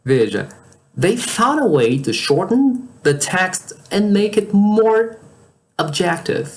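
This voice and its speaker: A patient teacher explains a language lesson. The pace is slow and unhurried, with a very lively pitch. Each word in a list gets its own clear beat. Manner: spells out word lists one word at a time. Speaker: English teacher.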